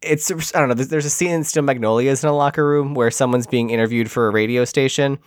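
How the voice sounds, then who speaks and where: A man co-hosting a podcast, chatting casually about a movie with quick, offhand asides. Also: mid-range voice, steady tone, dry recording, clean studio sound. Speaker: podcast co-host. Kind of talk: casual movie-review chat.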